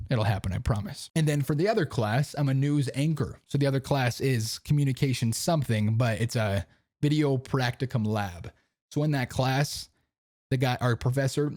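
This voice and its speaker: A young man rambles through a casual podcast chat in an easy, slangy way. His voice sits at an ordinary middle pitch. The sound is close and dry, with no room echo. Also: darkish tone. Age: young adult. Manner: laid-back, rambling, slangy, keeps asking "you know what I mean". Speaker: podcast host. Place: home recording setup.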